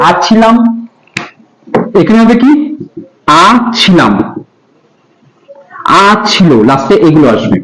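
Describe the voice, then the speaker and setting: A teacher with a Bengali accent and a high, light voice explains grammar step by step to school pupils. She repeats each rule patiently and keeps checking that the class follows. The recording sounds echoey, as if made in a bare room. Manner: patient, repeats key terms, asks checking questions. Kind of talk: grammar lesson for school students.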